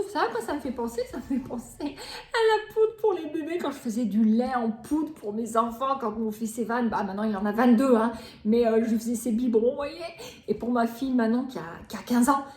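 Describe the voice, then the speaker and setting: A woman's voice: a little high, a little mellow. A woman in her forties hosting a cooking vlog, talking casually, chatty and self-mocking, in a home kitchen. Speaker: cooking channel host. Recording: echoey room.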